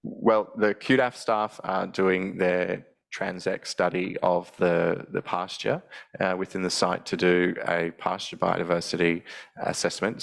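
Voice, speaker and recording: A man speaks low and flat, with a gravelly rasp. He answers webinar questions into a headset, stopping and restarting often. The delivery stays even and unhurried. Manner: hesitant, many ums and restarts. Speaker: forestry project officer.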